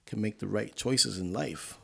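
A middle-aged man with a gravelly, fry-edged voice talks casually about faith and family. He rambles, circles back often and keeps saying "you know." His throat sounds scratchy. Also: lowish voice, unhurried. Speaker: podcast co-host.

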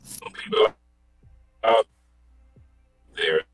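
A man talking casually as a podcast panelist over a remote call whose audio glitches and breaks up, halting and repeating words. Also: a bit bright. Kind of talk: casual discussion. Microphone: remote call connection.

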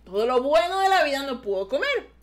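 High-voiced, animated young woman telling stories. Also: a little fast. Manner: animated, dramatic, acts out quoted voices; frank, swears then self-censors. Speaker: podcast host. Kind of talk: casual storytelling chat.

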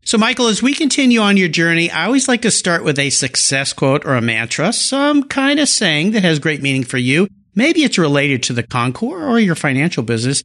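A man from California hosts a casual car-enthusiast interview, eager and playful with his puns. His voice is on the higher side for a man and leaps around with lively pitch. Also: brisk, hardly any pauses. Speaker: podcast host.

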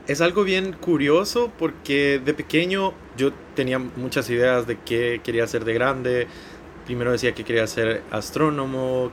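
A man's voice: mid-range voice, a little hiss or hum. Earnest young Honduran man. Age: 20s. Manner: earnest, repeats words when restarting. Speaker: dentist guest. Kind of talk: interview answers.

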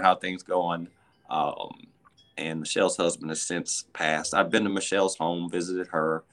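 Deep-voiced man telling a personal story. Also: fairly bright tone, slight background noise. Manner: acts out quoted voices in retelling. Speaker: interview guest. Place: his home.

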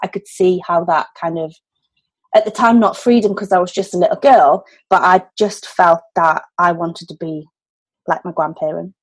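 A woman's voice: lowish voice, fairly even intonation, normal speed, slightly rough, rough recording. A woman in her thirties with a Welsh Valleys accent, telling her story conversationally as an interview guest. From Wales, the valleys. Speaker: podcast guest, business owner.

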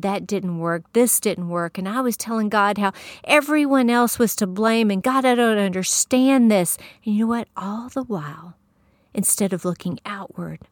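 A middle-aged woman tells a sermon testimony in a folksy, self-deprecating way, speaking straight to her listeners. Her voice sits at an ordinary middle pitch. The recording is dry, with no room sound. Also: dry recording. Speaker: preacher.

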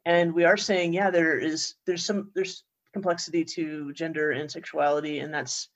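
A woman co-hosting a casual chat, relaxed and rambling, laughing often. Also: deep voice, moderate pace. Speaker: podcast co-host.

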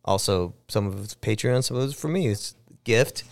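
A man's voice: fairly low pitch, animated, normal speed. A man in his thirties hosting a podcast, chatting in a rambling way and laughing often. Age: 30s. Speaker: podcast host. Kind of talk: casual chat.

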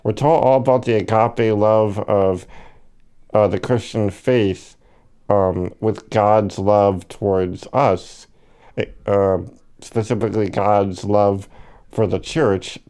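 A man talking slowly and reflectively in a personal monologue, hesitating with fillers and correcting himself, with hiccups now and then. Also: on the low side, fairly even intonation, warm tone, clear, resonant tone. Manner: slow and hesitant, many fillers and self-corrections. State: has the hiccups.

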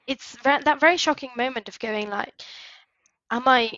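Young woman from spain, chatty guest, bright voice, dry and a bit dull sound. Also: high-pitched, fairly quick, no echo. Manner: chatty, storytelling with many fillers and acted-out quotes. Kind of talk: casual interview chat.

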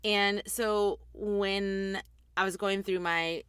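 A woman's voice: medium pitch, steady tone, slow pace, a bit bright, clear, resonant tone, dry recording. A woman in her forties hosting a podcast, chatting casually and rambling with frequent ums, recorded inside a closet on a desktop microphone. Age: 40s. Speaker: podcast host. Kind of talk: casual chat. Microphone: desktop USB microphone.

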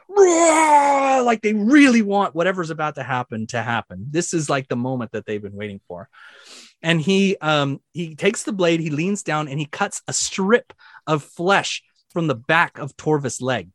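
A man running a tabletop game as dungeon master, narrating the brawl with excited energy and shouted sound effects. His voice sits a little high. The sound is dry and close. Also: normal speed, no echo.

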